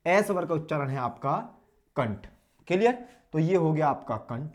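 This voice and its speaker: Man, fairly high voice, online language teacher, repeats sounds slowly, asks and answers himself. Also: animated. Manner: drills sounds aloud, asks and answers his own questions; repeats vowels slowly and loudly to demonstrate. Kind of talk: online Hindi grammar lesson.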